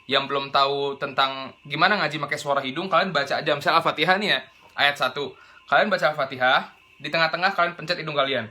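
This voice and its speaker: A man's voice: a little high, steady tone, quick pace, bright, forceful tone. A young man, teaching Quran recitation in a casual, slangy explainer style. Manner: chatty, slangy, demonstrates recitation and silly voices.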